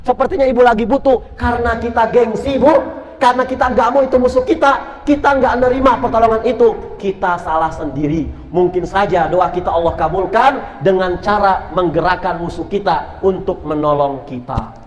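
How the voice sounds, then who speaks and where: A man preaches to a mosque congregation and brings his stories to life by acting out each voice. His voice sits high for a man. The sound carries a long reverb from a large hall. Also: normal speed. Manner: animated, acts out voices in stories. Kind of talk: mosque sermon with storytelling.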